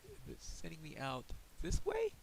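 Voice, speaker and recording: A man's voice: fairly high pitch, huge pitch swings, normal speed, gravelly, a little hiss or hum, rough recording. A man giving casual solo game commentary, musing aloud to himself with wry asides. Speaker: gameplay host and player.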